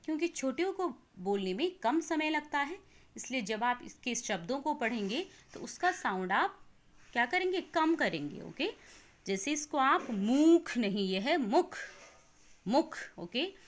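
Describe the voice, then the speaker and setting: A woman teacher with an Indian accent giving an online lesson to young children, reading words slowly syllable by syllable and mixing in English words. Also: high-pitched, very animated, fairly bright tone. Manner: slow, exaggerated syllable-by-syllable reading aloud.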